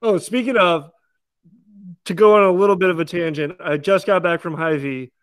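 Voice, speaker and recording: High-voiced man telling profane stories. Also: moderate pace, clear, resonant tone. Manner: animated, profane storytelling. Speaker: podcast co-host. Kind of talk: casual podcast chat.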